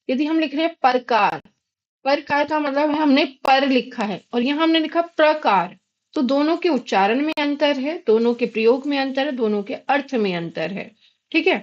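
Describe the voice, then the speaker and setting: A high-pitched Indian woman gives a patient grammar lesson. She poses questions to the class and answers them herself. The audio is slightly dull and lo-fi. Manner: patient, asks and answers her own questions. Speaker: Hindi grammar teacher.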